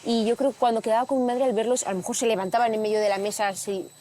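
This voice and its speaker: A woman's voice: a little high, fairly even intonation, racing, dark tone, a little hiss or hum. A woman telling family anecdotes in casual talk, briefly imitating relatives. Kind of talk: casual storytelling. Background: background music.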